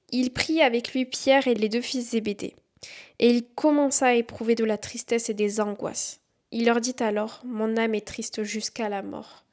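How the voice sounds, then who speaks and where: A young woman hosting a podcast on faith, talking earnestly and encouragingly and reading verses aloud. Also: fairly high pitch. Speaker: podcast host.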